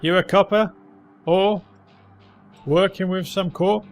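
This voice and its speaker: A man's voice: high voice, fairly even intonation, slow, faint music behind, voice pushed up. A man voicing a blunt, suspicious old homeless man from a video game, irritable and slangy. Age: older. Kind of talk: video game character read aloud.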